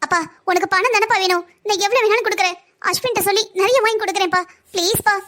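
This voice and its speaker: A woman's voice: very high-pitched, very fast, fairly bright tone. A woman voicing a frightened young married daughter in a cartoon story, pleading tearfully for help.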